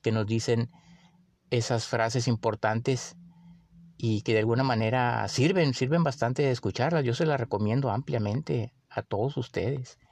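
A man with a Mexican accent hosting a podcast, musing in a relaxed way with many pauses and fillers. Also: medium pitch. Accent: Mexican Spanish. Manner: unhurried, with frequent fillers and restarts. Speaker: podcast host. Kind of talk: casual reflective monologue.

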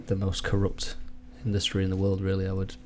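A man co-hosting a podcast, giving strong opinions and trailing off quietly. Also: sits low, completely flat delivery, brisk, a little hiss or hum. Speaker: podcast co-host. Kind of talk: casual chat.

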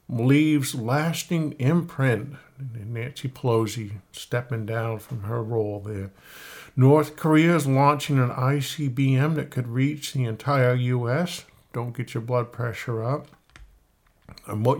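A man hosting a podcast, reading news headlines and adding wry, self-mocking asides. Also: medium pitch. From Maine. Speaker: podcast host. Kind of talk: reading headlines with offhand commentary.

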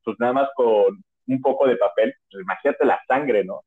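A Mexican man tells an old personal story at an easy conversational pitch, circling back and restarting his sentences as he goes. The sound is thin and squeezed, like a phone line. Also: moderate pace. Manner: chatty, rambling, full of "o sea" and restarts. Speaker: podcast host. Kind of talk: casual storytelling. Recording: narrow phone-like audio.

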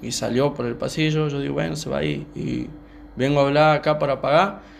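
A young man with a Rioplatense Spanish accent, calmly telling a personal story on a podcast, with many fillers. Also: medium pitch, gravelly, slight background noise. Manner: calm, unhurried, many fillers. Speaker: podcast co-host. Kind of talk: casual storytelling chat.

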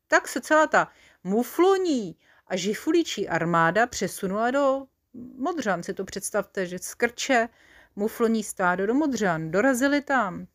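A woman reading a children's story aloud in a playful, expressive, confiding way. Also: medium pitch.

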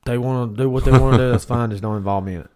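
A man with a smoker's rasp, bantering casually as a podcast co-host. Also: medium pitch, fairly even intonation, rapid-fire, warm tone. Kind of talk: casual beer-review banter.

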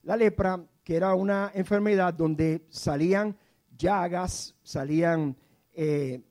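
A man in his fifties preaching a sermon as a storyteller. He often drops to a soft, hushed voice and has the congregation repeat words after him. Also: sits high, takes it slowly. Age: 50s.

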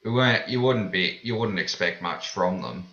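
A low-pitched Australian man talks casually as an interview guest, using plain everyday phrasing. His voice comes through a dull, roomy recording. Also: expressive, moderate pace, pushed and bright. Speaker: podcast guest. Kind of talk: casual conversation.

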